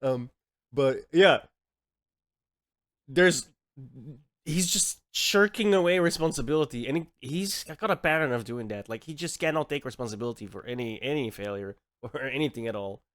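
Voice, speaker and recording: A Belgian man, a native Dutch speaker with a Belgian Dutch accent, talks at a moderate pace in a mid-range, slightly bright voice. The recording is dry and studio-clean as he rants heatedly and swears often while reacting to a clip on his stream.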